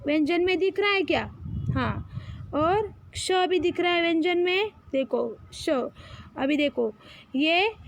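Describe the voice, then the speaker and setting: Slow, very high-voiced woman teaching letters. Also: dry recording. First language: Marathi. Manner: slow, drawn-out, patient, calls out letters for repetition. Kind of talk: children's Hindi alphabet lesson.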